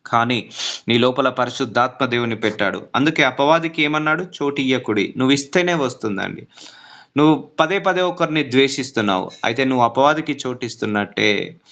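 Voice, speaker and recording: A man's voice: medium pitch, lively intonation, fairly quick, fairly bright tone, dull audio. A man preaching a sermon as pastor, repeating phrases, asking rhetorical questions and slipping English words in. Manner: repetitive, rising emphatic preaching with rhetorical questions; mixes English words into his speech.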